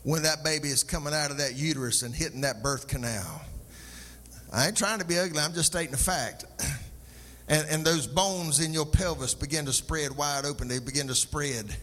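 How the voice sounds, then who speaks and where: A man's voice: a little high, normal speed, fairly bright tone, big-room sound, a little hiss or hum. A male pastor preaching a sermon, calling out to the congregation for response and sliding into a sung, rhythmic cadence. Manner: call-and-response, sing-song preaching cadence.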